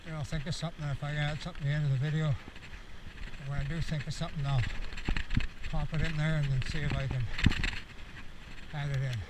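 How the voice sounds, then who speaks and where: Riding his bike down a country road, a man around sixty talks frankly and rambles reflectively for his vlog, his fairly high voice level in tone and quick in pace. An action camera mounted on him or the bike picks up his voice along with outdoor wind and road noise.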